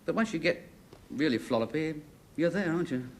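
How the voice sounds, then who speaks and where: An actor playing a cheerful, excitable husband, chatty and quickly flustered, in 1970s sitcom style. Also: male voice, on the high side, slight background noise. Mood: relaxed.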